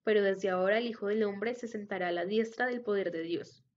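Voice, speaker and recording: Woman scripture reader, warm, even delivery, muffled lo-fi recording. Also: medium pitch. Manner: steady, measured reading. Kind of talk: Bible reading. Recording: dull lo-fi recording.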